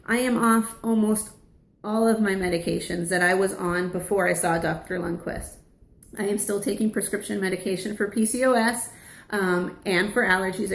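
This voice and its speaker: A woman speaks earnestly and from the heart, sharing her own story as a patient with a gathered audience. Her voice sits at an ordinary middle pitch. It carries with a roomy echo, as if in a meeting room. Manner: earnest and heartfelt, close to tears at times. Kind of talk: personal testimony to an audience.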